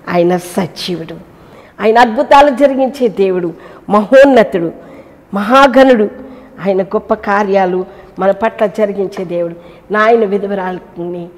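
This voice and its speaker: A woman's voice: medium pitch, a little mellow, big-room sound. A woman preaching a sermon with emotional, rising and falling emphasis, acting out pleading voices.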